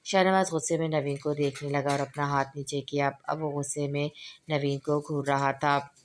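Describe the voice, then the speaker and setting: A woman's voice: sits low, little pitch movement, moderate pace. A woman reading a romance novel aloud, voicing every character's lines in her own voice. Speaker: novel narrator.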